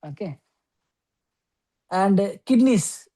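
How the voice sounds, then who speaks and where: A woman teaching an astrology class, explaining step by step with frequent okays and pauses. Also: mid-range voice, lively intonation, dark tone, poor audio. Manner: explains slowly with many okays and fillers. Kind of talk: lecture.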